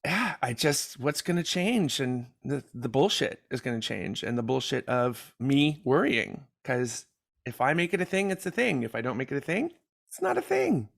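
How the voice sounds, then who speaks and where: A man's voice: mid-range voice, lively intonation, normal speed, gravelly. A man in his fifties co-hosting a podcast, chatting casually and joking, rambling with fillers. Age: 50s. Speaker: podcast co-host. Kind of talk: casual chat.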